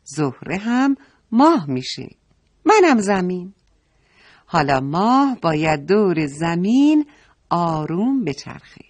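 Kind patient mother, explaining with questions, lively pitch, storybook, voiced by a woman. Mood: gentle teaching. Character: kind mother, gently teaching children.

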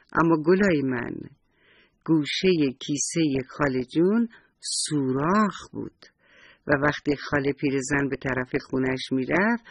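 A man narrating a children's bedtime story, gentle and affectionate, and talking straight to the kids. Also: fairly high pitch.

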